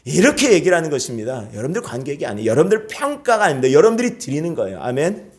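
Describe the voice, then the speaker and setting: A man preaching a sermon to a church congregation, lively and calling out praise examples. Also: a little high, racing. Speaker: pastor. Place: church sanctuary.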